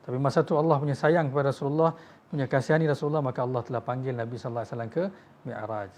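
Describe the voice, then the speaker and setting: A Malaysian Malay-accented man preaches in a rapid-fire, steady, mid-range voice with a darkish tone. His sermon tells stories with feeling, acts out the voices of quoted figures, and addresses the audience directly as tuan-tuan.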